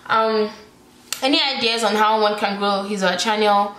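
Speaking at a normal speed in a mid-range voice, a YouTuber in her twenties with a Nigerian accent chats to camera from her bedroom for a casual Q&A vlog. She's expressive and chatty, leaning on "like", and the recording is rough with an echoey room.

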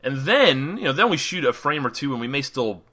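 Bright-voiced man rambling casually. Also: medium pitch, very animated, fairly quick. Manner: rambling, lots of fillers, laughs while talking. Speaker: podcast co-host, wedding photographer. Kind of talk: casual podcast chat.

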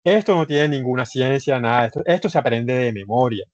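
A man's voice: medium pitch, brisk, no echo, highs cut off. Colombian man teaching English grammar online. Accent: Colombian Spanish. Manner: repeats points, addresses students as usted. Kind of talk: online class explanation.

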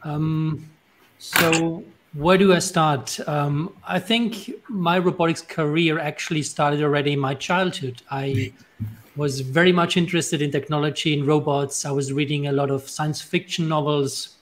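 Male, 40s, Austrian German accent, slightly high voice; steady panel talk over a video call. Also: a little slow. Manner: steady, friendly, frequent ums. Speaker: robotics professor, panelist. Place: home room with bookshelves. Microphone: video call with earphones.

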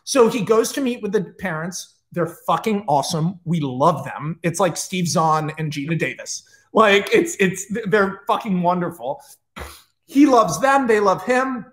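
Excitable, profane storytelling man. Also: high-pitched, measured pace. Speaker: host retelling a film pitch. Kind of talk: casual storytelling.

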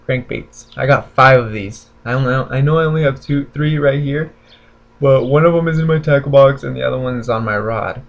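Indoors at a desk in a small bedroom, a laid-back young man who runs a fishing vlog shows off new purchases in a casual unboxing chat with viewers. His voice is mid-range and the sound is lo-fi.

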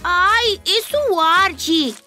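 A small, sweet cartoon fox with a very high, childlike voice. The little patient speaks very slowly and plaintively, with music clearly behind. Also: female voice, lively intonation, sharp tone, full character voice. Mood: pained, whimpering.

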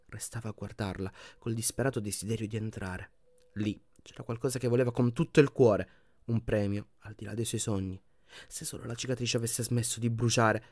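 A man narrating an audiobook in an expressive reading voice that often drops to a hushed tone. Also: mid-range voice, dry recording. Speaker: audiobook reader.

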